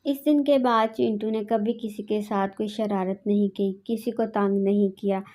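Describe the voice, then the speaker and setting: Woman narrating a kids cartoon, simple steady delivery, mid voice. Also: medium pitch, normal speed. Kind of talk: children's story narration.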